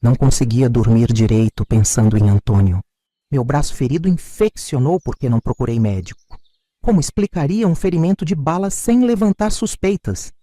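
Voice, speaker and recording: A man narrating a dramatic first-person story in a scripted, expressive way. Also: medium pitch, moderate pace, no room sound, clean studio sound.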